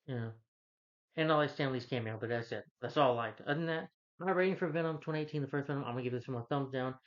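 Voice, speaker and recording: A man's voice: medium pitch, fast talker. A man delivering an angry, scornful review rant, speaking bluntly and emphatically and repeating phrases to drive his point home. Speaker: film reviewer. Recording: dull lo-fi audio.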